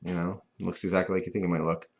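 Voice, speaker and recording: A man talking casually and ramblingly to viewers, with a lispy voice from missing front teeth that softens his F and V sounds. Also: low-pitched, level tone, racing. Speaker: video host.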